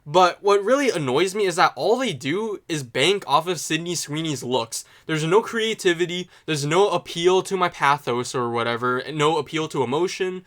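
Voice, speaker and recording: A man's voice: on the high side, lively intonation, moderate pace, hardly any pauses, fairly bright tone. A young man giving a casual, rambling opinion monologue as a YouTube commentator, sarcastic and self-mocking.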